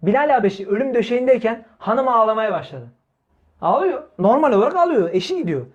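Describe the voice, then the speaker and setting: A man's voice: very high voice, very animated, quick pace, lo-fi sound. A man preaching in an informal religious talk, speaking emphatically, repeating key phrases, asking rhetorical questions and addressing his listeners directly as brothers. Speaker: Islamic preacher.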